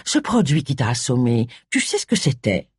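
A calm, wary man with a lowered, measured voice, as a woman reader puts him on. The tone is husky and dry. It comes through close, like an audiobook read. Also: dry recording, heavily acted. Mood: suspicious.

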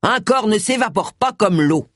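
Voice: mid-range voice, expressive, normal speed, a bit bright, no echo, clean studio sound, voice pushed up. A narrator doing a barking grumpy police inspector. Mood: gruff, irritated. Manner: barking, curt. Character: grumpy tall police inspector, man, middle-aged.

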